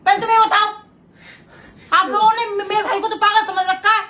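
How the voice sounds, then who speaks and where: Very high-voiced scolding woman, roomy. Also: level tone, moderate pace, bright, forceful tone, far from the mic. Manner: scolding, teasing. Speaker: sister. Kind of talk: emotional vlog argument. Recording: roomy, from off-mic.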